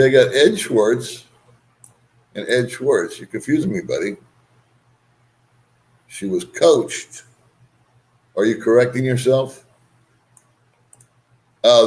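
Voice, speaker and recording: A man hosting a casual livestream, rambling easily as he reads and answers viewer comments with bantering remarks. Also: mid-range voice. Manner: rambling, chuckling, easygoing banter. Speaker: livestream host.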